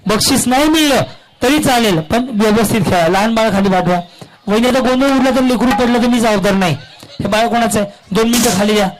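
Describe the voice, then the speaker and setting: High-voiced playful man emceeing a game. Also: low-quality recording. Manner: playful, teasing, repeats instructions. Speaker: event host running a balloon game. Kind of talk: lively crowd emcee patter. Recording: music loud behind PA voice.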